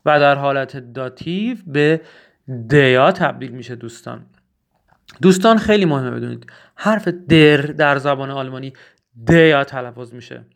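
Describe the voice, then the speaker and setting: A man teaching German in Persian who says German phrases slowly and then explains them. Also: a little high. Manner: earnest, urges memorizing phrases. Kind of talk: spoken language lesson.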